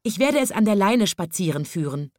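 A woman's voice: mid-range voice, expressive, moderate pace, a little mellow, no echo, clean studio sound, voice pushed up, close to an everyday voice. A woman voicing a prim young lady with a silk parasol in a children's story, speaking in a matter-of-fact, possessive way.

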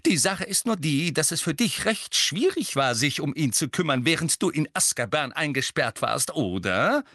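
A man doing a high, quavering anxious mother. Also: very animated, moderate pace, pushed and bright, no room sound, studio quality, exaggerated voice. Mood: sharp reproachful. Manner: breathless, pleading, quavering. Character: anxious motherly middle-aged witch, protective and emotional. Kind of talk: audiobook character voice.

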